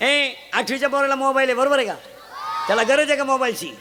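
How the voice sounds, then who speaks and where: A man giving a comic kirtan sermon, teasing and shouting questions to children in the audience. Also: very high-pitched, fast, crowd noise. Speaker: kirtan preacher. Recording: noisy live event ambience.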